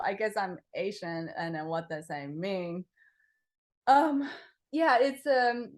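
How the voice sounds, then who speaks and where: This young woman from Taiwan is a composer being interviewed, and her voice sits on the high side. Her answers come out easygoing and halting, peppered with fillers, restarts and lots of laughter.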